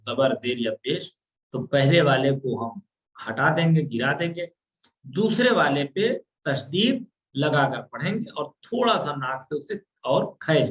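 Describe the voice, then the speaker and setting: A man leads an online class on Quran recitation, with a slightly high voice and a slow, unhurried delivery. He explains each rule patiently, checks that his students follow, and stretches out sounds to show how they should be recited. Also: a bit bright. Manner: slows down and draws out sounds to demonstrate recitation.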